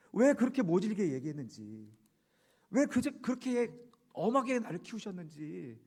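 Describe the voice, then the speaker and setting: A man preaching a Sunday sermon as senior pastor, earnestly leading his congregation in reading aloud and moving between soft low asides and loud emphatic peaks. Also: creaky. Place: church sanctuary.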